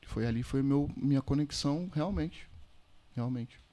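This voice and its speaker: Podcast guest, man, mid-pitched, slangy animated storyteller. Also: unhurried. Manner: animated storyteller, slangy, calls listeners "mano". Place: podcast studio.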